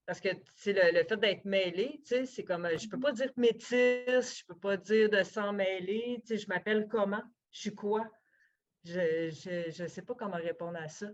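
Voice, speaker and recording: A woman's voice: medium pitch, moderate pace, faint music behind. Woman on a video panel, casual, kinda trails off, muffled sound. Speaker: poet. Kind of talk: online panel discussion. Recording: dull lo-fi sound.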